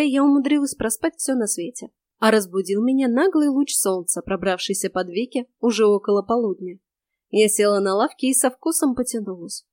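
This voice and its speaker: A woman's voice: medium pitch, a little mellow, no echo. A woman narrating a first-person audiobook in a dry, sardonic manner.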